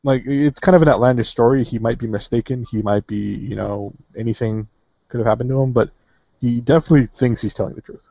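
A man's voice: mid-range voice, fast talker, creaky, mellow, no echo, lo-fi sound. A man running a tabletop game as game master, hesitant and full of fillers.

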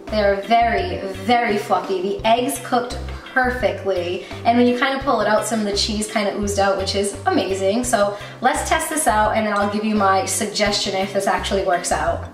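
A woman's voice: mid-range voice, normal speed, hardly any pauses. A woman hosting a casual cooking vlog, chatting upbeat through step-by-step recipe instructions. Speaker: recipe-testing vlogger. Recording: roomy echo with faint background music.

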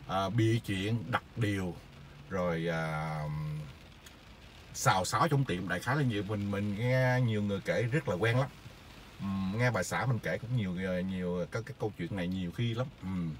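A middle-aged man, telling stories in a casual, rambling monologue full of hesitant filler pauses. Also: low voice, a little hiss or hum. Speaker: vlogger sharing stories.

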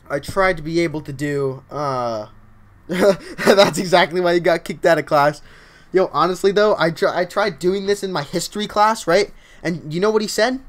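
A young man streaming a video game live, chatting casually and excitedly with his viewers as he reads their messages. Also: on the high side. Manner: excitable, upbeat, often starts lines with "yo, honestly". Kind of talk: casual livestream chat while reading viewer comments.

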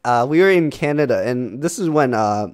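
Young male podcast co-host. Casual, lively, animated storyteller. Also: mid-range voice, moderate pace, clear, resonant tone. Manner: animated storyteller, acts out quotes. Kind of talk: casual chat.

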